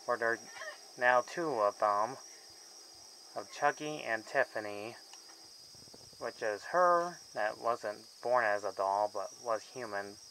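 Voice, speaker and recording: A man's voice: medium pitch, animated, slow, pauses often, sharp tone, a little hiss or hum, low-quality recording. A man giving a casual, rambling film review vlog, with loosely strung sentences that often trail off mid-thought. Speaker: movie reviewer.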